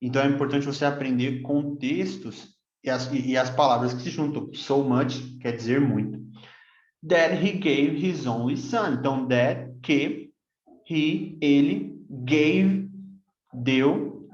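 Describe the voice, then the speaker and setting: Slow, patient Brazilian man teaching. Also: medium pitch, steady tone, a little mellow. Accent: Brazilian Portuguese. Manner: slow, patient explaining, repeating words for pronunciation. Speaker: English teacher. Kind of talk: bible-based English lesson. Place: room near a construction site. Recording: echoey room, dull lo-fi sound.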